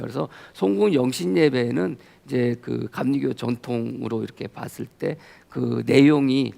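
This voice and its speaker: A middle-aged male pastor giving a sermon, telling a story and growing animated as he retells it. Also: mid-range voice, creaky. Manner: storytelling, grows animated and loud when retelling.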